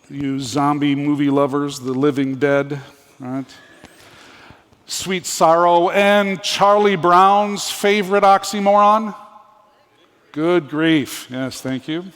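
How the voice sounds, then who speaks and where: A man from Minnesota preaches at a conference in an unhurried, folksy way, trading wordplay and tossing questions to the crowd. His voice sits a little high for a man. A long hall reverb trails after each phrase from the stage mic. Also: a bit bright, clean tone. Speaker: conference speaker and theology professor. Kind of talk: conference sermon. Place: large hall.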